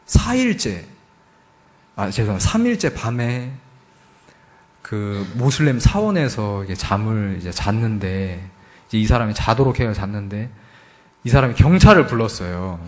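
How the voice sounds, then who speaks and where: A man's voice: medium pitch, big pitch swings, moderate pace. A man, a missionary, giving an emotional testimony at a church service, telling his story with lots of fillers and acting out the dialogue. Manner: frequent filler words, emotional emphasis. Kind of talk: testimony sermon.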